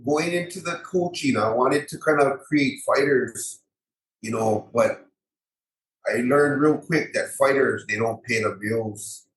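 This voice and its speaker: An MMA fighter and gym owner with a local Hawaiian accent chats casually as a podcast guest, repeating phrases and using colloquial grammar. His voice is mid-range, unhurried and fairly bright, and the room sounds echoey.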